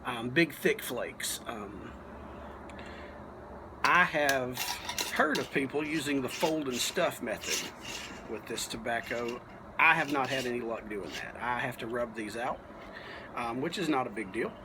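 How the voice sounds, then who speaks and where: A man reviewing pipe tobacco, hobby-video style, speaks at a typical male pitch in a relaxed, folksy manner, stopping frequently as he explains. Background noise is clearly present.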